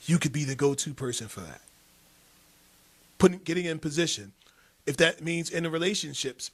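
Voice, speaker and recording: A man hosting a motivational talk show, telling a personal story with emphatic repetition and frequent laughs. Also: a little high. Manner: emphatic, repeats key phrases, laughs often. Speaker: host, motivational speaker. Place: TV studio set.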